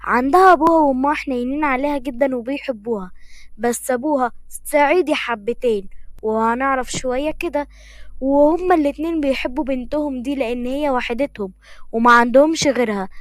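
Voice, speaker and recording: Chatty Egyptian woman storyteller, high voice, dry close sound. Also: no echo. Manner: chatty, with restarts and asides to listeners. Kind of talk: casual storytelling narration.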